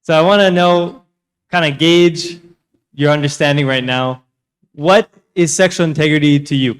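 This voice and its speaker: An American man, a native English speaker, giving a public talk through an interpreter, mixing English with halting American-accented Spanish. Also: on the high side, smooth. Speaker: guest speaker at a youth seminar.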